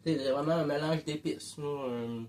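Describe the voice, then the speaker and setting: A man's voice: fairly high pitch, normal speed, a little mellow, slight background noise. A man with a Québécois French accent chatting casually as he tastes snacks, munching chips while he talks. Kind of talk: casual chat, food tasting.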